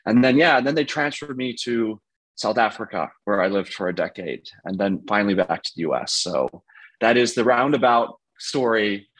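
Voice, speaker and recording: A man's voice: fairly low pitch, lively intonation, normal speed, a bit bright, low-quality recording. A man in his thirties, a podcast guest, answering casually and hesitantly, full of "you know" and "like". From United States.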